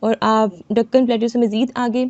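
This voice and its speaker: A woman teaching an exam-prep lesson over a screen recording, reading English lines slowly and explaining them with constant "theek hai" checks. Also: on the high side, fairly even intonation, a little mellow. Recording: dull lo-fi voice-over.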